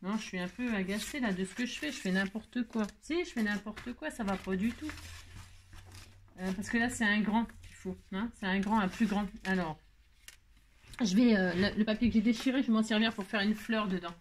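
A woman's voice: mid-range voice, moderate pace, a little hiss or hum. A tired woman hosting a casual crafting tutorial, chatty and self-mocking, talking straight to her viewers.

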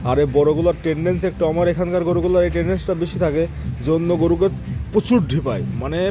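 A man's voice: a little high, very fast. A man running a casual tour of his dairy farm for his channel, chatty with fillers and restarts, filmed in the cowshed. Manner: speaks quietly near a cow being milked.

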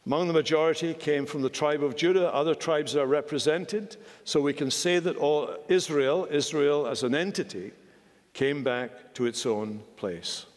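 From a pulpit microphone in a big wood-panelled church comes a sermon by a man in his sixties, the senior minister. His pitch rises and falls widely while he stays measured and emphatic, all under a long church-hall reverb.

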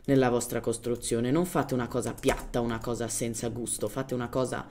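A man's voice: mid-range voice, steady tone, fairly quick, darkish tone, a little hiss or hum. Man giving casual game tutorial commentary. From Germany. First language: German. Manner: informal, searches for words in Italian, drops in English terms. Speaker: gaming tutorial host.

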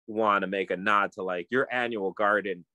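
Speaking as a guest from an indoor room with bookshelves, a middle-aged permaculturist joins a phone video call, his fairly low voice captured dry and close. He thinks aloud at a moderate pace, wandering off track and often restarting sentences amid many fillers, all in a relaxed, conversational tone.

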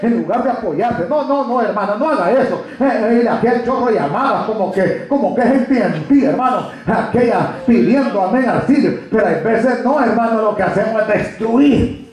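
A man with a high voice preaches a sermon with emphasis. He calls out to his congregation often. The sound carries a heavy echo from a church hall. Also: expressive, normal speed, a little mellow. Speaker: pastor.

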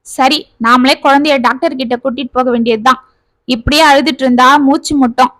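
Woman reading as a headstrong young mom, high voice, dry close sound, proud and quick to push back. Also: fairly even intonation, a bit bright, dry recording. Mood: anxious. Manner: defiant, anxious. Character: young mother, proud and stubborn.

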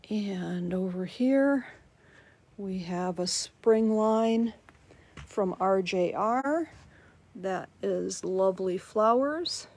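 A woman's voice: mid-range voice, vocal fry, a little mellow. A woman giving a chatty walking tour of a large quilt shop, recorded on a handheld phone. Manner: slow, chatty, promotional.

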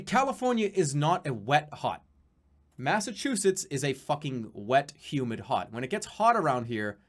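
This live streamer, a man in his 30s, chats casually from a small room at home, reading out donations, rambling, swearing and now and then yelling with excitement. His voice is medium-pitched.

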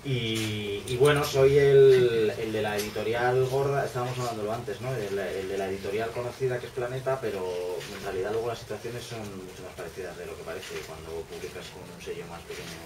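A man in his thirties talks casually at an author panel, chatty and full of restarts. His voice sits on the low side. The sound is distant and roomy, with a noisy café behind him. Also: steady tone, fairly quick, few pauses. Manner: chatty, many fillers and restarts. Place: small bookshop café, indoors. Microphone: far camera.

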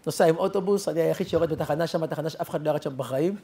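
A man's voice: on the high side, creaky, warm tone. A man, a rabbi, telling a personal story in a sermon, acting out the dialogue and adding sound effects.

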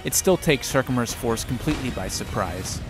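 A man's voice: mid-range voice, expressive, normal speed, over loud music. A man hosting a history channel, narrating a battle in a casual, conversational storytelling way.

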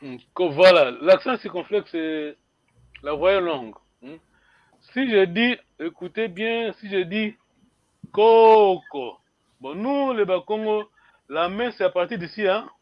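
High-voiced hesitant male teacher. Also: unhurried, dull audio. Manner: hesitant, repeats words, chuckles often. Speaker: language teacher. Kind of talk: classroom explanation.

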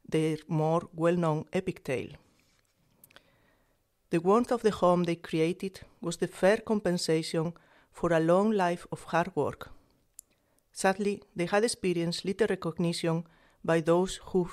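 A woman with a Spanish accent reading her own scientific fairy tale aloud, slowly and deliberately. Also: lowish voice, a little mellow. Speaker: author reading her story. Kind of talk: storybook reading.

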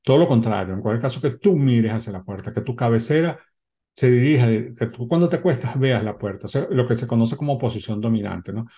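A man in his fifties speaks straight to the camera as a self-help host, seated indoors at a desk. His voice is dark and gravelly with a mellow edge, and he explains step by step, repeating points and checking in with the listener. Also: mid-range voice, animated, fairly quick. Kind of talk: direct-to-camera advice talk. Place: indoor room, seated before a window backdrop.

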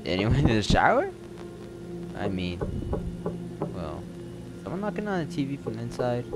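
A man's voice: mid-range voice, wildly swooping pitch, normal speed, loud music behind the voice, rough recording. A man playing a horror game, reacting in jumpy, exclamatory bursts with laughing asides. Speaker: gamer. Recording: loud game noise behind.

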